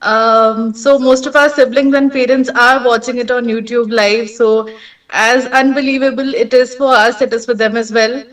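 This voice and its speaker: A young woman from India with an Indian accent, presenting her startup earnestly and warmly over a remote link. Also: fairly high pitch, steady tone, moderate pace, far from the mic. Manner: earnest, heartfelt. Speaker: startup co-founder.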